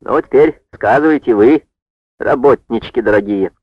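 A man's voice: mid-range voice, moderate pace, breathy edge, no echo, natural voice. A man voicing a stern village chairwoman who speaks firmly and curtly. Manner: firm, clipped. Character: stern village woman, farm chairwoman, firm and curt. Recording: dull dry lo-fi recording.

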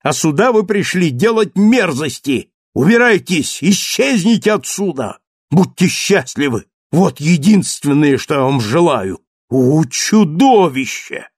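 A man voicing a frantic, passionate young man who shouts in impassioned outbursts in an audiobook reading. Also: fairly high pitch, sing-song, unhurried, slightly rough, dry recording, studio quality, pitched above the performer's own voice, full character voice. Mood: furious.

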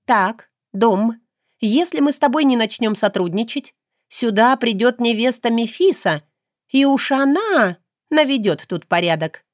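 Woman doing a stubborn snarky young girl, lively and fired up, audiobook. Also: a little slow, no room sound, studio quality. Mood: indignant. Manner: lively, indignant, raised pitch. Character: sharp-tongued young woman, stubborn and sarcastic. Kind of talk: audiobook character reading.

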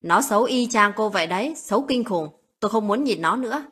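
A woman voicing a harsh older mother-in-law who yells cold insults at her daughter-in-law in a spoken story. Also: medium pitch, expressive, brisk, slightly rough. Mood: contemptuous. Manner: shouting, cold and abusive.

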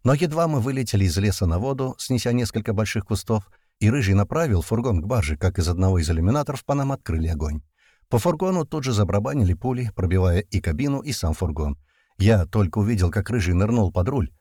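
A man's voice: fairly low pitch, expressive, fast, no room sound, clean studio sound. A man narrating a first-person action audiobook in a tense storytelling manner. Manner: tense storytelling with shouted commands.

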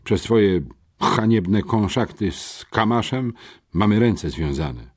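A man's voice: on the low side, animated, slow, voice pushed up, exaggerated voice. A man voicing a determined, curt teenage schoolboy detective in an audiobook, speaking firmly. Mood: stern. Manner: stern, curt.

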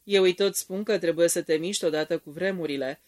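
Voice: mid-range voice, a little mellow, no room sound, studio quality, lightly acted. A reader voicing a cheerful young man talking eagerly.

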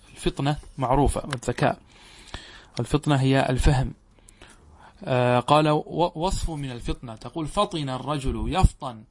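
A man's voice: medium pitch, husky. A middle-aged man, a religious scholar, teaching a classical Arabic grammar lesson, explaining patiently and checking that his students follow. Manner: reads quoted verses aloud slowly.

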